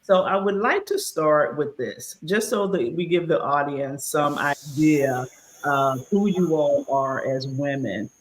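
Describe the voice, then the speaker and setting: A woman's voice: low-pitched, slow, low-quality recording. Laughing fifties woman hosting a chat. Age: 50s. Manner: lively, laughs often, playful asides. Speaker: host. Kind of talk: casual chat.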